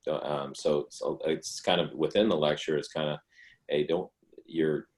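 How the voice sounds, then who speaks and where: Male presenter, low-pitched, easygoing explainer with lots of restarts. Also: normal speed. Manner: relaxed conversational explaining, with restarts. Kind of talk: online presentation Q&A.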